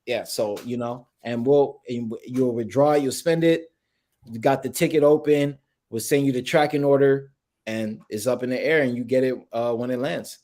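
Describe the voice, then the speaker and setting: A man's voice: medium pitch, dark tone. Man heard over a choppy video call. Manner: halting, restarts phrases with many fillers. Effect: video call audio with dropouts. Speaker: guest, founder of a collectibles project. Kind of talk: casual interview answers.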